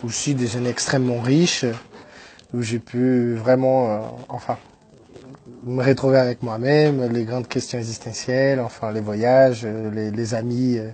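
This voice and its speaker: A little slow and a little mellow, a Brazilian man in his 30s speaks French in a medium-pitched, fairly even voice as an entrepreneur guest on a radio show. Recounting his life, he hesitates with many fillers and restarts, native Portuguese underneath, against slight background noise.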